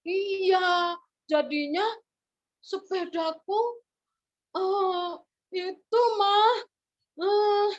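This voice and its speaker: A woman voicing a frightened young boy who pleads anxiously in a high, whimpering voice, in a slightly muffled recording. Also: steady tone, extremely slow, long pauses, full character voice. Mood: scared.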